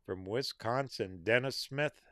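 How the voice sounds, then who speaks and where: A man's voice: mid-range voice, a little slow, a bit bright, no echo, clean studio sound. A man hosting a live stream, reading out viewer names and comments in a casual chat and answering their questions, his voice a bit worn. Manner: reads out viewer names and comments with small laughs. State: losing his voice.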